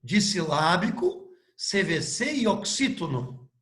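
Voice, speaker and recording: Guy teaching english, native portuguese speaker, high voice, spells stuff out letter by letter, echoey room. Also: sing-song, slow pace, fairly bright tone. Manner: patient, spells words letter by letter and asks questions. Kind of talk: live online lesson.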